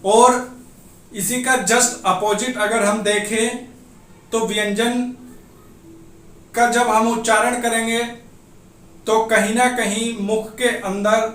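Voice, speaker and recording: A man gives a grammar lesson for exam preparation, explaining each point step by step and dictating notes. His voice sits high and he speaks at an unhurried pace. He is a little away from the mic, in a room that echoes. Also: fairly bright tone, recorded from a distance. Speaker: teacher.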